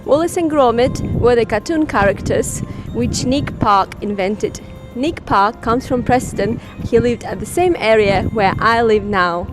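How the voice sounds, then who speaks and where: A woman's voice: on the high side, a little slow, hardly any pauses. A woman vlogger giving scripted, informative travel narration. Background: music.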